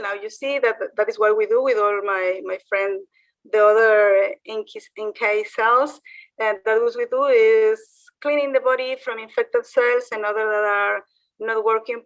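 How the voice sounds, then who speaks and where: A woman presenter giving a live interpreter voice over a video, translating from on the fly with halting, restarted phrases. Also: a little high, a bit bright, lo-fi sound. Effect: live interpreter voice, translating a playing video on the fly. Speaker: workshop presenter.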